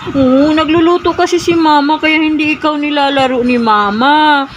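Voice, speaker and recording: Mom cooing in very high baby talk. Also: female voice, normal speed. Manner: sing-song baby talk to her small children. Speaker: mother. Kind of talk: talking to her children on a home vlog. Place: home. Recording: noisy home recording.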